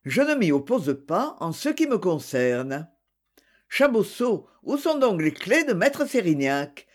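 A reader voicing a composed male prosecutor speaking in a measured, official manner in an audiobook. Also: medium pitch, big pitch swings.

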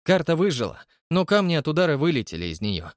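A male narrator with a lively, swinging pitch and dramatic delivery, reading an adventure novel. He is heard close to the mic in a dry, deadened sound. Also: fast, no room sound. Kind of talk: expressive audiobook reading.

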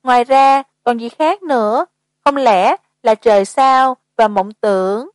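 A woman's voice: on the high side, measured pace, no echo, close to an everyday voice. A woman doing a bold, teasing young woman. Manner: teasing, flippant.

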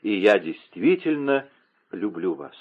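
Мужчина-чтец озвучивает отчаявшуюся молодую влюблённую девушку, страстно умоляющую. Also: male voice, on the low side, big pitch swings, measured pace. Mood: pleading. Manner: impassioned, pleading. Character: young woman, distraught, pleading lover. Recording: narrow phone-like lo-fi sound.

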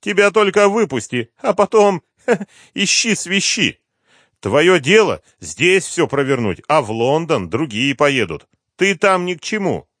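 A man voicing a scheming, mocking older general who smirks, taunts and speaks hoarsely. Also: medium pitch, big pitch swings, normal speed, a bit bright, dry recording, clean studio sound, pitched above the performer's own voice.

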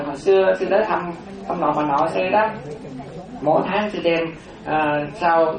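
A Buddhist monastic teaching a dharma class, slowly repeating terms for note-taking, with chatty asides. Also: mid-range voice. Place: classroom with a board. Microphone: distant room microphone. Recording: roomy, distant, dull lo-fi room recording.

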